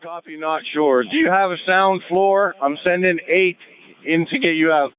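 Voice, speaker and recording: A man's voice: sits high, normal speed, smooth, no room sound. A man, a fire incident commander, giving clipped orders over a fire radio. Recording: tinny radio transmission.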